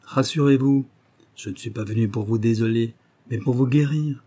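Male reader doing a detective, calm and secretive, commanding; dark husky voice, low and firm. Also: normal speed, close to an everyday voice. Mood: hushed, firm.

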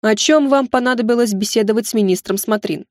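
A woman's voice: a little high, fast talker, no echo, clean studio sound, natural voice. A woman voicing a strict young male mage who questions sternly.

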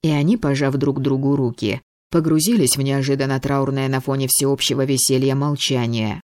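A woman narrating a first-person fantasy audiobook in a lively, wry storytelling manner. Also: extremely low pitch, normal speed, dry recording.

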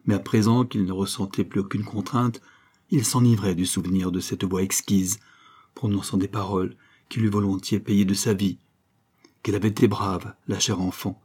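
Mellow, husky male narrator. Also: lowish voice. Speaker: audiobook reader. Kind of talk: scripted narration of a novel.

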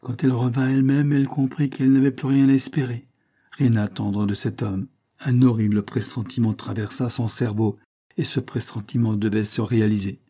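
A man narrating a classic novel in a measured, dramatic reading. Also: mid-range voice, little pitch movement, mellow, breathy edge. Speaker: audiobook narrator. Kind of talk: literary audiobook reading.

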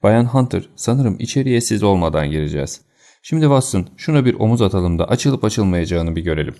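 A man reading an audiobook, voicing a sharp, decisive male detective with a brisk, commanding manner. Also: fairly low pitch, lively intonation.

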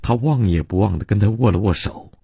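Man, scripted radio novel narration, very low voice, slow, measured, husky, dry. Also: warm tone, no room sound. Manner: measured, deliberate reading. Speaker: storyteller.

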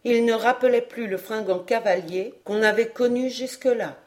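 Woman reading an audiobook aloud. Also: a little high. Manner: measured, expressive reading. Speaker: audiobook reader. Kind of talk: audiobook narration.

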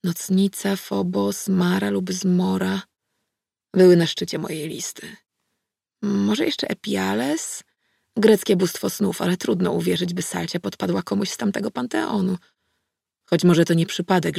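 A woman narrating a first-person audiobook in a calm, measured reading voice. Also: on the low side, gravelly, breathy edge, no room sound, clean studio sound.

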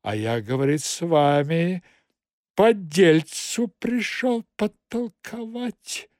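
A man's voice: fairly high pitch, lively intonation, slow pace, darkish tone, no room sound, clean studio sound, voice pushed up. A man doing a smirking, insolent cat-faced fat man. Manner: cheeky, mocking.

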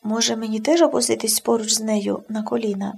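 A woman's voice: on the high side, steady tone, brisk, creaky, husky. A woman voicing a wealthy, hot-tempered young lady who snaps scornfully, in a storybook reading. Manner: sharp, scornful outbursts.

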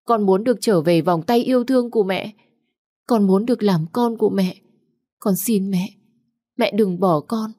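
A woman's voice: fairly low pitch, moderate pace, long pauses, darkish tone, no room sound, clean studio sound, lightly acted. A woman voicing a scheming young woman who begs tearfully in a raised, pleading voice. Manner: pleading, sobbing, wheedling.

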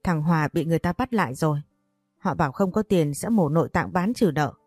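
A frightened young woman deep in debt pleads anxiously for help, voiced by a woman narrator. Her voice is low and mellow, recorded close and dry. Faint music runs underneath. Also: lively intonation, fairly quick, slightly rough, dry recording. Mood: pleading.

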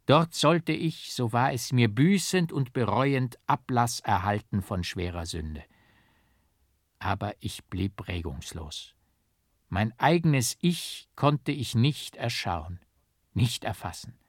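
Slow, measured male audiobook reader. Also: medium pitch, lively intonation, no echo, clean studio sound. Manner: measured, emphatic and rhythmic. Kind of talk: scripted literary narration.

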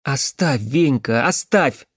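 A cautious young woman speaks gently and coaxingly, voiced by a man lifting his voice a little. Her tone can firm up into short commands, and her pitch moves about a lot. The sound is close and dry. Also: very animated, a little slow, dry recording. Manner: soft, coaxing, sometimes sharp commands.

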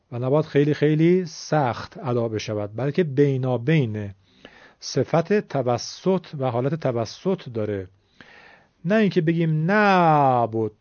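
A man's voice: medium pitch, dark tone, no room sound. Man teaching Quran recitation, muffled. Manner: slow, emphatic, demonstrates pronunciation. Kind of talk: radio-style recorded lesson. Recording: muffled lo-fi dry recording.

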